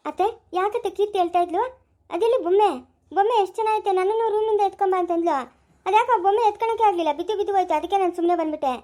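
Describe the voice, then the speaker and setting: Anxious young daughter-in-law, played by a woman, high and fast, in a rural Kannada accent, pleading as she asks. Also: warm tone. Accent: rural Chikkaballapura Kannada. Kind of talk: family skit.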